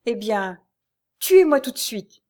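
Une femme qui lit un livre audio et joue une jeune prisonnière effrayée et suppliante. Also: female voice, a little high, big pitch swings, takes it slowly, darkish tone. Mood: defiant despair. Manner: frightened, pleading, breathless cries. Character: terrified young woman prisoner. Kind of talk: audiobook reading of a serial novel.

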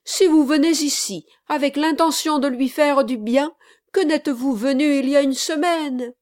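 A woman reading an audiobook, voicing a stout, emotional newly married woman who exclaims in a high, breathless voice. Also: moderate pace, darkish tone, no room sound, studio quality, close to an everyday voice. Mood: distressed.

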